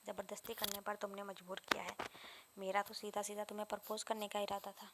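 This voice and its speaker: A woman's voice: medium pitch, completely flat delivery, very noisy, natural voice. A woman reading a brash, teasing young policeman. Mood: self-assured. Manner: teasing and self-assured. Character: brash confident young male police officer suitor.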